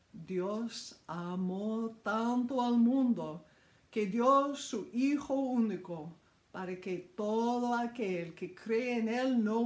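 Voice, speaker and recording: A preacher reading a sermon aloud, slow and deliberate, with occasional stumbles and restarts. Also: medium pitch. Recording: roomy echo.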